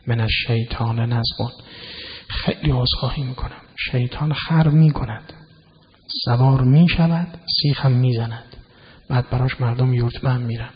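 A man giving a sermon to an audience, explaining scripture word by word, swinging from loud emphasis to low asides. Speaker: religious lecturer. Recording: dull lo-fi recording in a reverberant hall.

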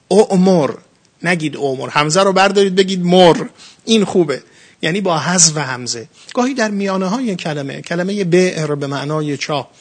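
A middle-aged man teaches in a religious lecture, his voice sitting a little high. He speaks earnestly and emphatically, now and then rising sharply and drawing out key phrases slowly. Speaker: Quran lecturer.

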